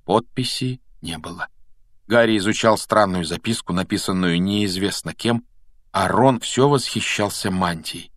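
Low-voiced male audiobook narrator. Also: dry recording, studio quality. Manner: measured, expressive storytelling. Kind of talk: scripted narration.

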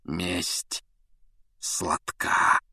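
A man's voice: medium pitch, lively intonation, moderate pace, no echo, clean studio sound, lightly acted. Snape, a man doing a vengeful sneering wizard professor. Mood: gloating hush. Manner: hissing menace turning to shouting rage. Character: cruel vengeful male professor, sneering and furious.

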